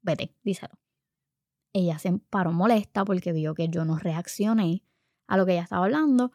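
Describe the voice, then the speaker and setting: Speaking from her living room, a mother casually tells a family story and acts out the people she quotes. Her voice is on the low side, a little fast, and dark in tone. The home recording set gives studio-quality sound with no room noise.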